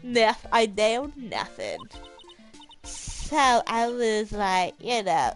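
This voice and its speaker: A woman's voice: fairly high pitch, very animated, very slow, faint music behind, exaggerated voice. A woman voicing a ditzy young valley-girl woman, airy and full of "like" fillers.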